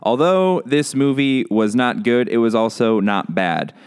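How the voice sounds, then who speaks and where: A man's voice: mid-range voice, animated, unhurried, clean tone. A man co-hosting a casual movie-review podcast, laid-back and blunt with his opinions. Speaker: podcast co-host. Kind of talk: casual chat.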